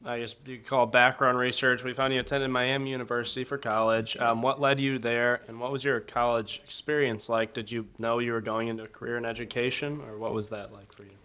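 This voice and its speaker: A man's voice: medium pitch, little pitch movement, a little fast, hardly any pauses, bright, forceful tone, smooth. A teenage boy co-hosting a student podcast, asking prepared questions in a friendly way. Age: teens.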